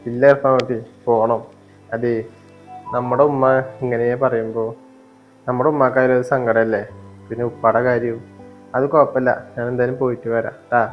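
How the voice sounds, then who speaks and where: A man's voice: medium pitch, dull audio, faint music behind, lightly acted. A young man playing a hurt, patient stepson in an amateur family short film. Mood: gentle. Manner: hurt, pleading, quick and flat. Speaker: elder stepson in a family skit.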